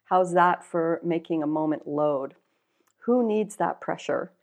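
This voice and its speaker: Lady coach talking through a lesson, kinda low voice, wry and poking fun at herself. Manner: wry, self-mocking, measured. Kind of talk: reflective spoken lesson.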